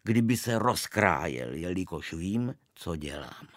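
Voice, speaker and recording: Stubborn dad, low and hushed, firm delivery, dry close sound, as a man reads him. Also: expressive, no echo. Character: stubborn, calm middle-aged father.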